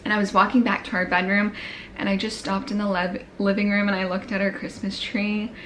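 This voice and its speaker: A woman's voice: mid-range voice, level tone, a little fast, a bit bright, a little hiss or hum. A young woman casually recapping her pregnancy on a vlog, slightly out of breath, with lots of "like" and fillers. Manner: chatty, filler-heavy, frequent "like". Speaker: vlogger.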